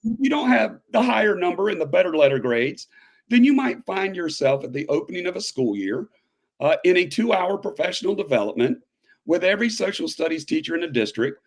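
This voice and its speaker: This interview guest, a high school history teacher in his fifties, talks a little fast in a conversational exchange. His delivery is lively and forceful, working its way toward sharp questions.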